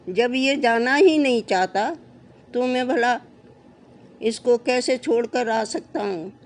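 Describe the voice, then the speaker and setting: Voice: medium pitch, takes it slowly, darkish tone, close to an everyday voice. A storyteller voicing a sly blunt servant man.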